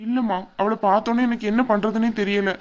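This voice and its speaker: A woman's voice: on the high side, fairly even intonation, fast, darkish tone, muffled recording, close to an everyday voice. Woman voicing a sulking, heartbroken young husband. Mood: bitter. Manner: weary, pleading to be left alone. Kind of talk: cartoon drama dubbing.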